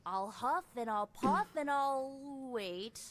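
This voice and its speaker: An actress playing a young, impatient, playful game heroine in a teasing, theatrical way. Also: female voice, high-pitched, expressive, slow. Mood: playful, insistent.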